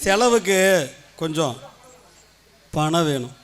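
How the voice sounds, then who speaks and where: A man's voice: fairly high pitch, very animated, takes it slowly, over music. A man playing a greedy son-in-law who brashly demands money and his share. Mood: menacing. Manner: demanding, confrontational.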